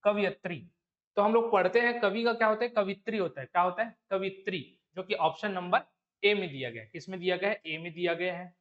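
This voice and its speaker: A man's voice: sits high, brisk, dull audio. A male teacher with a Chhattisgarhi Hindi accent giving an exam-prep lesson, explaining step by step and checking with rhetorical questions.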